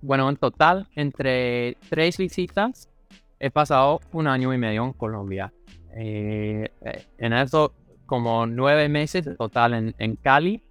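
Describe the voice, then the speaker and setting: A man's voice: on the low side, a bit bright, clean tone, dry recording. A young American man, a native English speaker, chatting as a podcast guest and searching for his words in careful Spanish. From Kansas City, Missouri, USA. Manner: measured, repeats words while searching for Spanish. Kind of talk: casual interview chat.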